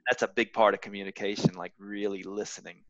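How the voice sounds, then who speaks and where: A man's voice: on the low side, steady tone, fast, fairly bright tone, dry recording. A man co-hosting a podcast in casual chat, rambling with fillers and restarts, on a muffled microphone. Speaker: podcast co-host, acupuncturist. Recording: muffled, dull dry mic.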